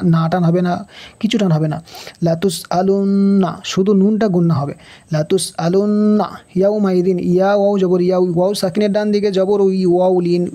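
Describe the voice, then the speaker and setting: In a Quran recitation lesson, a man with a Bangladeshi Bengali accent slowly spells out letters and vowel marks, then chants the verses. His voice is high and mellow.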